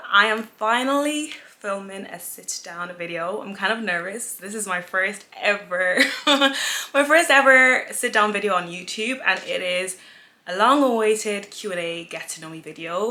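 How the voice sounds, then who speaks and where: A Nigerian woman in her twenties, an influencer and vlogger, answers viewer questions in a sit-down vlog. Her mid-range voice has a sharp tone, and she chats casually and giggles.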